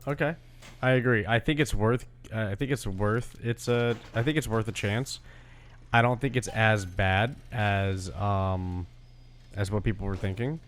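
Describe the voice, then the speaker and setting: A man co-hosting a casual gaming chat, relaxed and upbeat in his remarks. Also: fairly low pitch, measured pace, a little hiss or hum. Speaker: co-host.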